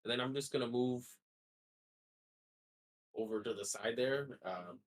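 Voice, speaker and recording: A man at a tabletop game explaining his moves. He speaks at a middle pitch in a plain, slightly hesitant way, with small pauses and fillers. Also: poor audio. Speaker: player.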